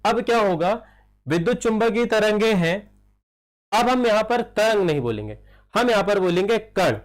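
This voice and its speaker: A man's voice: sits high, animated, moderate pace. A man with a Hindi accent lecturing on chemistry, putting questions to his students and answering them himself. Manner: calls listeners child. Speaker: chemistry teacher. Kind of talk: classroom lecture.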